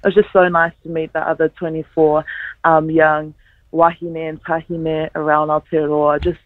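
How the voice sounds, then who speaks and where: A woman's voice: low voice, little pitch movement, moderate pace, no room sound. A nineteen-year-old woman, an upbeat guest talking with many fillers and laughs on a radio show. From New Zealand. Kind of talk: phone-in radio interview. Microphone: phone. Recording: tinny phone line.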